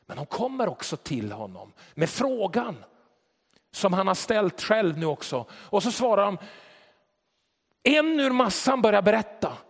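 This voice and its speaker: A man's voice: sits high, sing-song, creaky, husky. A man preaching a sermon, retelling a story and asking reflective, rhetorical questions. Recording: long hall reverb.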